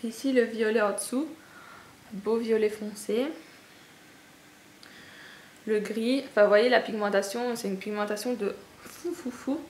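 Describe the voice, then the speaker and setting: A young woman, a beauty vlogger with a Belgian French accent, chats through a casual haul video, gushing and poking fun at herself with plenty of fillers. Her voice sits a little high and a little mellow, with fairly even intonation, a slightly slow pace, and long pauses. The room is echoey, with faint ambient noise.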